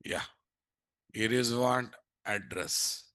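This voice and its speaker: A programming instructor with an Indian accent teaches a live coding lesson indoors at a computer, often asking rhetorical questions and repeating "what." His mid-range voice is slow, pushed and bright, with no room sound.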